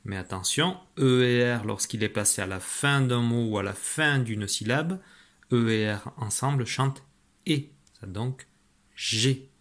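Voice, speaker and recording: A man teaching French letter sounds to young children in a patient, encouraging way, slowly spelling out letters and syllables and praising the listener. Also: medium pitch, a bit bright. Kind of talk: phonics lesson for young children.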